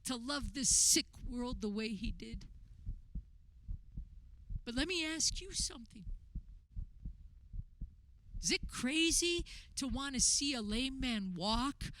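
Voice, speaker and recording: A woman playing a tender, grieving mother who remembers her son in an intimate, conversational radio-theater monologue with hesitant pauses. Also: sits high, lively intonation, a bit bright, a little hiss or hum, exaggerated voice, low-quality recording. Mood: earnest.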